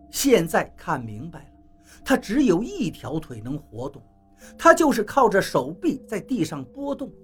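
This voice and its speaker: A woman reading a Chinese novel aloud as an audiobook narrator, in an expressive storytelling voice. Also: mid-range voice, husky. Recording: faint background music.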